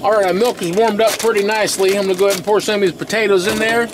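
A middle-aged camping vlogger cooks at a camp stove outdoors, casually and folksily talking through each step. His high-pitched voice stays steady while he races along. The camera mic picks up clear background noise.

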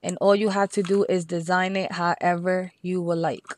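A woman with a Spanish accent talks through a software craft tutorial step by step, slowing down to repeat each number. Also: on the low side, flat delivery. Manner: patient, repeats steps and numbers slowly.

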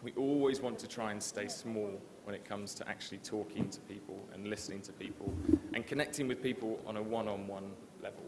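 Relaxed man giving a conference talk. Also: on the low side, fairly quick, few pauses, very noisy. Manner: relaxed, informal, self-deprecating, frequent ums. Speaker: conference speaker. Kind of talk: conference presentation. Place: conference stage before an audience.

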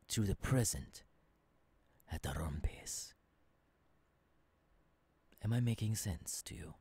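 A man playing an earnest visionary professor mentoring an apprentice in an ASMR roleplay, halting and breathy, close to the microphone. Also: fairly low pitch, a little mellow, dry recording, full character voice. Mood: reassuring, fervent. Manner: slow, deliberate, halting phrases dropping into whispers. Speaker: voice actor. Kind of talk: ASMR audio roleplay, intimate second-person monologue. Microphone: close microphone, dry.

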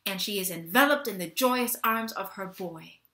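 A woman in her thirties acts out a scripted stage play at moderate pace in a medium-pitched, sharp voice. The webcam recording, made in a small bare-walled home room, is reverberant, and her storytelling is dramatic and emphatic.

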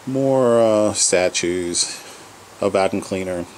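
A deep-voiced man takes his time showing off the collection in his home basement, naming each item in turn with plenty of fillers as he casually narrates. It was shot on a handheld camera, and the low-quality recording carries slight background noise.

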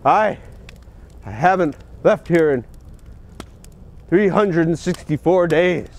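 This co-host of a comedy sports show is a man in his thirties whose voice is fairly high and slow. Out in the snow beside a stadium, he plays his lines with mock-dramatic, grave earnestness for comic effect.

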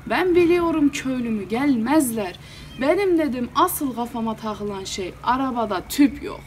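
A woman playing an exasperated, hot-tempered male village headman in a solo storytelling performance, with an animated delivery. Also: on the high side, normal speed, slight background noise, close to an everyday voice.

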